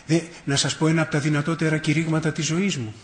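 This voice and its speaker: A man's voice: a little high, level tone, roomy sound. A priest giving a sermon. He builds emphatic rhetorical lists and mixes in folksy personal anecdotes with self-irony.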